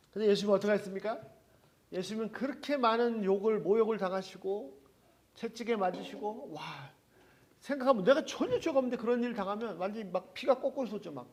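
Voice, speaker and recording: A man preaching a sermon as pastor, lively, with laughing asides and acted quotes. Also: sits high.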